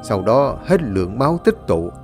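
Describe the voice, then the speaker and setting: A man's voice: medium pitch, very animated, normal speed, natural voice. A man voicing a stern old grandfather who lays out plans to hunt an evil spirit, with music playing behind. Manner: stern, commanding. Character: stern old grandfather, ghost-fighting sage. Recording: audiobook with new-age music behind.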